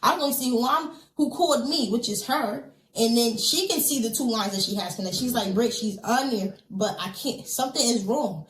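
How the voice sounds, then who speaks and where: Her voice is a little high and a little fast, with hardly any pauses, and the low-quality recording sounds reverberant. She is a podcast guest giving an earnest, vivid account of a personal experience, performing quoted dialogue and using lots of fillers.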